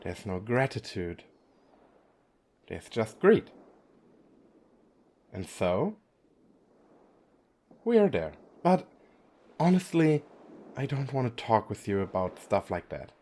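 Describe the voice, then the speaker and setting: Voicing a gentle, worn-out young femboy sea god in ASMR roleplay, a man speaks slowly and softly at a low pitch, hesitant and kind with a playful touch. The delivery is intimate and very animated, heavily acted, with many pauses and small chuckles. His mood moves from weary and troubled to soft and sincere.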